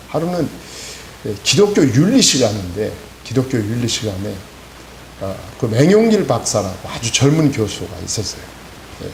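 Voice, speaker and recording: A man's voice: mid-range voice, gravelly, a little mellow. A man in his sixties with a Chungcheong accent, preaching an evening sermon in a folksy storytelling way, with frequent affirming interjections. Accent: Chungcheong Korean. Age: 60s. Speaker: pastor. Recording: echoey church hall with faint hiss.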